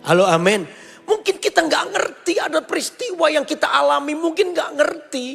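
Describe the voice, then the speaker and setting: A man's voice: extremely high pitch, animated, normal speed, creaky, fairly bright tone, in a large hall, faint music behind. A male preacher giving an emphatic sermon, calling on the congregation to say amen and sharing his own story with passion. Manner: passionate storytelling in a personal testimony.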